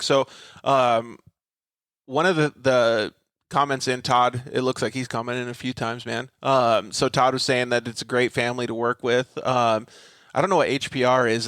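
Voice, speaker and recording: A man's voice: mid-range voice, a bit bright, dry recording. A man hosting a casual interview show, chatty and laid-back with lots of fillers. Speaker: show host.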